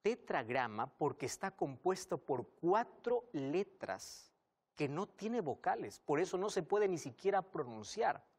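A man's voice: sing-song, unhurried, breathy edge. A male pastor preaching a sermon, teaching and putting rhetorical questions to the listener. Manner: swings between hushed low passages and raised emphatic ones.

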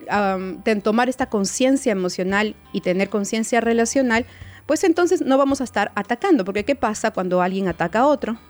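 A woman's voice: a little high, a little mellow. A woman psychologist giving relationship advice straight to the listener in a coaching tone, often repeating words and checking for agreement. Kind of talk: advice talk to viewers.

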